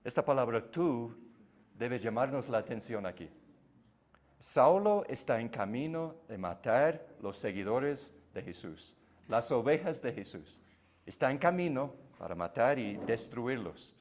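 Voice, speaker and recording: A man's voice: mid-range voice, big pitch swings, measured pace, darkish tone. A man whose first language is English, teaching a Bible class in Spanish with patient explanations and frequent tag questions.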